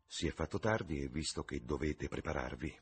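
Man voicing melancholy painter, soft, subdued, very deep, husky. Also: brisk, exaggerated voice. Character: melancholy painter, earnest, wistful and pleading.

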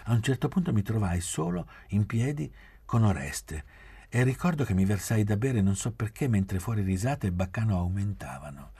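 A man reading a novel aloud in measured, quiet literary narration. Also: on the low side, sing-song, creaky, slightly rough. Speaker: reader.

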